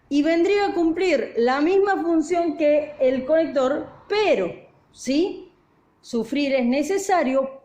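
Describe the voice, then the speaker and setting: A woman's voice: high-pitched, darkish tone. A woman teacher patiently explaining grammar, often checking that her students follow. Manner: patient, asks frequent check questions. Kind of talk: grammar lesson, explaining at a board.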